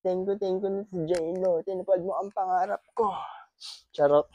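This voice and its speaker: A man's voice: high-pitched, level tone, moderate pace, highs cut off, noisy background. A man from the Philippines chatting casually in an unboxing vlog, repeating his thanks and teasing playfully. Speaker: vlogger. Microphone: wireless clip-on microphone.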